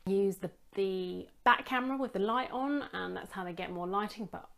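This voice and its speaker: A woman's voice: mid-range voice, normal speed, vocal fry. Rambling, wry woman vlogger. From England. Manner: rambling, self-deprecating, wry. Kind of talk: casual chatty vlog. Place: home room with daylight. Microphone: phone front camera.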